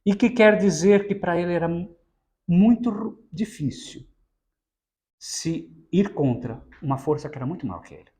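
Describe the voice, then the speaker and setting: Homem brasileiro pregando, voz um pouco aguda. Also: male voice, sits high, normal speed, mellow. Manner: explanatory, frequent tag "né?". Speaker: lecturer at a spiritist center. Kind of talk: spiritist Bible talk.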